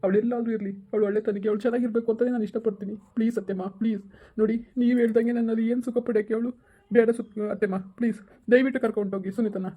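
A woman's voice: on the high side, steady tone, very fast, mellow, husky. Pleading remorseful son-in-law, as a woman plays him. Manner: begging, apologetic. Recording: tinny phone-like sound.

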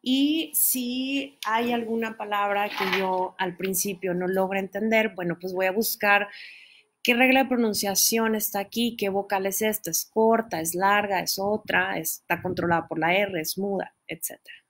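A woman's voice: mid-range voice, fairly even intonation, moderate pace, a bit bright. Woman, patient explanatory teacher, keeps checking in with the class. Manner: explanatory, checks in with listeners often. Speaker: English teacher. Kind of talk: online pronunciation lesson.

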